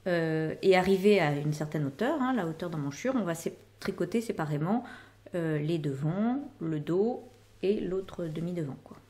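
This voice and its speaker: A woman's voice: lowish voice, lively intonation, normal speed, darkish tone. A middle-aged woman hosting a knitting and sewing podcast, chatting her way through her finished projects and often wrapping up with "voilà". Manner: chatty, rambling explanations with frequent "voilà". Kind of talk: casual show-and-tell of finished projects.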